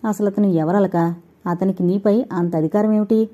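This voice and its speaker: A gentle young man, anxious and caring, questioning softly, as a woman reads his part. His voice is dark and husky. The sound is dull and lo-fi. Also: mid-range voice, fairly even intonation, moderate pace, lightly acted. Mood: concerned. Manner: soft, concerned questioning.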